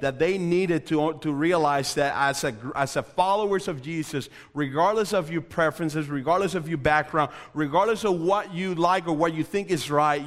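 A young Dominican youth pastor preaches an earnest sermon, repeating phrases for emphasis and speaking directly to the room. His voice is fairly high-pitched, and the sound carries the feel of a big room.

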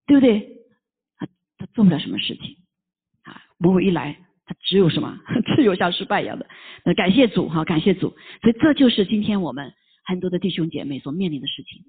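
A preacher telling a parable in a sermon, acting out knocks and fights with sound effects and asking the listeners rhetorical questions again and again. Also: medium pitch. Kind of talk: storytelling sermon. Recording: tinny phone-like recording.

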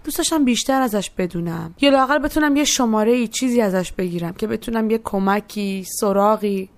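A young woman narrating a personal story in a reflective, first-person way. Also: mid-range voice. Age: young adult. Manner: reflective, quotes others in voiced asides.

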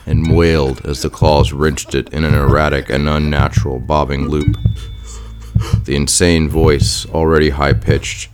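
Deep-voiced man narrating horror. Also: little pitch movement, unhurried. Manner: vivid, dramatic. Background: music.

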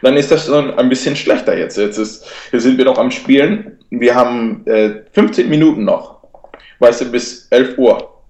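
A man's voice: medium pitch, moderate pace, darkish tone, lo-fi sound. Guy telling a story in german w english words mixed in, restarts a lot, echoey room. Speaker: guest. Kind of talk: personal storytelling.

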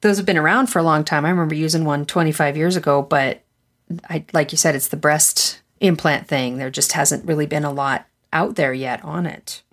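A middle-aged woman hosting a podcast, chatting casually and reacting readily to her guest. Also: sits low. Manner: chatty, responsive, quick to react. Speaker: podcast host.

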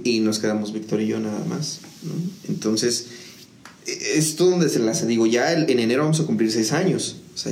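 A man's voice: mid-range voice, darkish tone. A man, a music school founder, telling his story in a casual interview with many fillers and restarts. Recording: echoey room with faint noise.

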